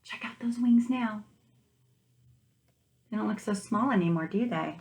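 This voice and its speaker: A woman teacher reads a picture book aloud to young children in a medium-pitched voice at a measured pace. She reads expressively, pausing for gentle questions to her listeners.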